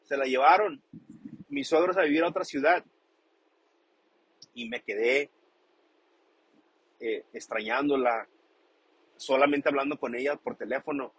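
Husky-voiced man explaining a song. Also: medium pitch, unhurried, pauses often, fairly bright tone, low-quality recording. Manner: thoughtful, repeats and rephrases often. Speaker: song commentator. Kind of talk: casual explanatory commentary.

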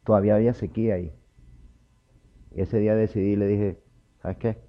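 In a dull lo-fi recording, a man with a lowish voice preaches a fervent personal testimony, fast and steady in tone. Speaking straight to the listener, he calls him brother in an emotional exhortation.

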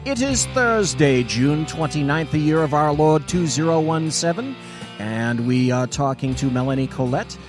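A man's voice: a little high, lively intonation, normal speed, music in the background. A man hosting a talk show, announcing his welcome theatrically like a circus ringmaster. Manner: ringmaster-style showy announcing. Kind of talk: theatrical radio show introduction.

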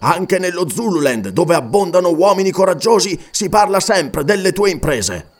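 A man reading a calm commanding old hunter. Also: sits high. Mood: earnest. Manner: earnest, measured, persuasive.

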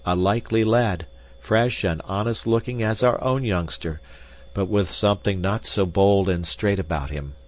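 A man reading aloud, voicing a feverish, troubled working husband in a low, subdued way. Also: natural voice. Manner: halting, low and quiet. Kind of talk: audiobook character voice.

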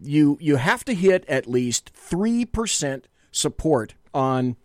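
A man's voice: fairly high pitch, very animated, slow pace, darkish tone, dry recording, clean studio sound. Chatty, rambling male talk-show co-host. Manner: chatty, self-deprecating, rambling with restarts. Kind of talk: casual political chat. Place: small studio.

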